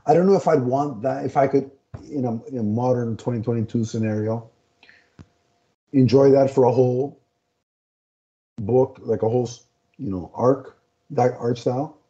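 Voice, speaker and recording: Speaking at a medium pitch and a moderate pace, this man has a dark tone and pauses often. He co-hosts a casual comic review podcast from a room at home, talking through a headset on a video call and frequently searching for words. The video call audio is dull and lo-fi.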